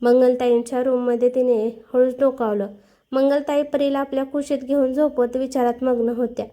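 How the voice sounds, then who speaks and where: High-voiced woman narrating an emotional story. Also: moderate pace. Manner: expressive, voices every character.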